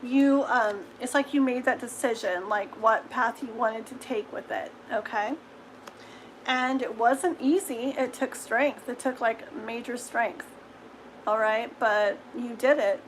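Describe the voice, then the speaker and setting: High-voiced chatty woman reading tarot. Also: steady tone, unhurried, slight background noise, low-quality recording. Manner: chatty, reassuring, full of "okay?" tags and giggles. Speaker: tarot reader. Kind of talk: live-stream tarot reading.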